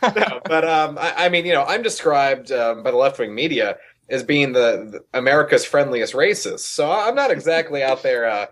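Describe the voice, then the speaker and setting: A man's voice: mid-range voice, lively intonation, moderate pace, a bit bright. A man speaking as an activist guest in a casual, rambling conversation. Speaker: interview guest, political activist.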